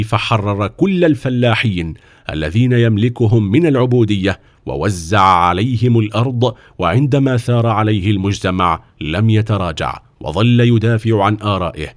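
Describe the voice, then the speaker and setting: A man narrating a children's story in a measured, expressive reading. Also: fairly low pitch, no room sound, studio quality.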